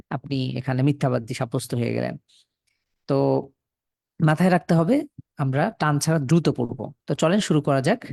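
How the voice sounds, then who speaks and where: His voice leans high, with a gravelly and slightly mellow quality, captured in clean studio sound. The man, from Bangladesh, leads a live online Quran reading lesson, patiently restating rules and voicing syllables that students echo over a computer mic.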